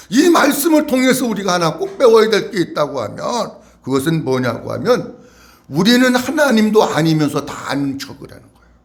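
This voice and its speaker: A male pastor preaching a sermon in a church, asking the congregation to repeat after him and acting out questions in a slow, drawn-out voice. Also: high-pitched. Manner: acts out God's questions in a slow voice. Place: church sanctuary.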